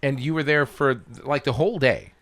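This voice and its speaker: A man's voice: mid-range voice, moderate pace, fairly bright tone. A male radio host talks in a casual, chatty way from the studio. He slips in light jokes between his questions. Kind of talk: radio interview.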